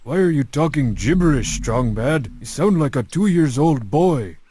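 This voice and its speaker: Earnest, lively cartoon sidekick. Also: male voice, on the high side, moderate pace, breathy edge, no echo. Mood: puzzled. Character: earnest, naive, mystical cartoon sidekick who calls others brother. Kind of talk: cartoon game voice acting.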